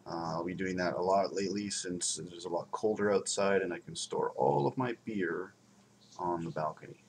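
This young man's voice is low-pitched and moves at a moderate pace as he reviews a beer in his home room by the blinds. He rambles and repeats words for emphasis, and his desk webcam picks up a little hiss or hum.

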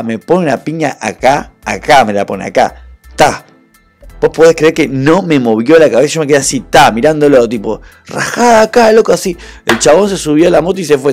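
A young Argentine man with a Rioplatense Spanish accent hosts a reaction video, mixing commentary with personal stories told in a slangy, impassioned, emphatic way. His voice is a little high with a darkish tone.

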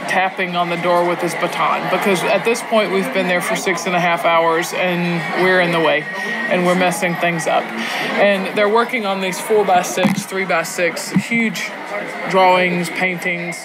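Loud music plays behind this woman as she speaks in a steady tone, a little slowly, in a casual interview. She leads a prison arts education program and teaches poetry, and she makes her points emphatically and reflectively, like a teacher. The location recording is noisy, with clatter and rumble in the background.

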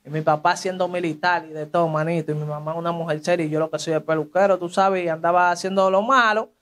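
Animated young Dominican man, high voice. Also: quick pace. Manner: animated street slang, acts out quoted voices. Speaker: interviewee telling his life story. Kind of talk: casual testimony.

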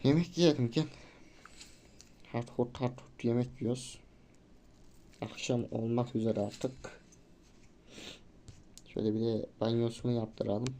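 A man playing a game while commenting casually and reading its dialogue aloud, getting loud and excited at tricky moments. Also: mid-range voice, a little slow, pauses often, a little hiss or hum. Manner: reads game dialogue in a plain voice. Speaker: gamer.

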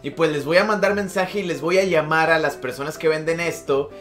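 Young Mexican man, slightly high-pitched, chatting. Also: steady tone, fairly quick, a bit bright, soft background music. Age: 20s. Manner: slangy, informal. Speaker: YouTuber prank caller. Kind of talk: casual gaming vlog and phone chat. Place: bedroom.

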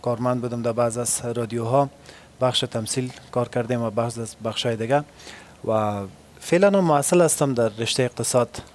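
A man's voice: mid-range voice, slight background noise. A young man with an Afghan Dari accent, a game show contestant answering earnestly and cheering his partner on. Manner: earnest, repeats encouragement excitedly. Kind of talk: casual interview answers and cheering.

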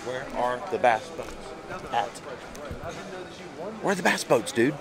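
With music behind him and some vocal fry, a man in his forties speaks at medium pitch, animated but a little slow. He's a professional angler doing a casual vlog, greeting fans in a noisy hall and later talking in a hotel room on a handheld camera at arm's length, cheerful and leaning on "dude" and "man."

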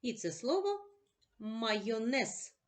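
Slow, lively-voiced woman teacher. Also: a little high. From Ukraine. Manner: patient, questioning and answering herself. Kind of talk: slow, clearly paced reading lesson for children.

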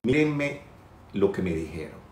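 A man's voice: deep voice, very animated, a little slow, darkish tone, reverberant. A man teaching a spiritual lecture in a trained, projected voice, scolding and teasing his listeners with humorous asides. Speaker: metaphysics teacher.

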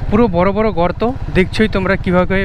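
A man's voice: sits high, fairly even intonation, fast. A man from West Bengal chatting as he rides a motorbike, explaining the route to his viewers. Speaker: moto vlogger. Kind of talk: riding commentary. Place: on a motorbike on an open road. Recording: road noise on a bike mic. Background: traffic and road noise.

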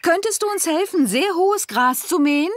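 A woman's voice: very high-pitched, expressive, normal speed. A woman voicing a kindly, sensible mummy pig in a children's cartoon, speaking in a patient, encouraging way. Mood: mildly concerned.

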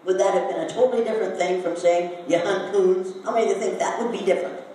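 A woman's voice: mid-range voice, rapid-fire. Older woman telling a story in a very echoey hall. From Iowa, United States. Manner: animated storyteller, asks the audience questions. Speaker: speaker giving a talk. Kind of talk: storytelling talk to a live audience. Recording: very echoey hall, voice from a distance, faint noise.

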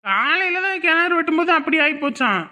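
A man's voice: very high voice, lively intonation, brisk, sharp tone, heavily acted. A man playing a caring middle-aged village father in a family drama, speaking earnestly. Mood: worried.

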